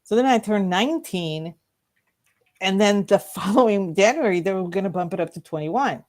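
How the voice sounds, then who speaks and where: A middle-aged woman co-hosting a radio show tells rambling stories about her life in a casual chat, laughing often. She has a medium-pitched, darkish voice, animated and moderately paced, and she's in a radio studio.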